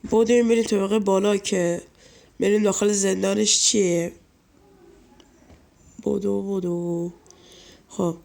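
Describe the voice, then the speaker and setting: Man, stuffy nasal voice with some fry, casual let's-play YouTuber chatting to his viewers. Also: high-pitched, fairly even intonation, a little mellow. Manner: chatty, talks to viewers and scolds game characters. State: nasal from a cold. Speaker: gaming YouTuber.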